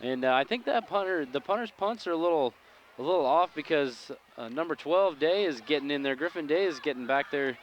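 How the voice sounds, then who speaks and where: A man calling plays at a local high school football game in an easygoing, upbeat way. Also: lively intonation, a little fast, dull audio, slight background noise. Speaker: football play-by-play announcer.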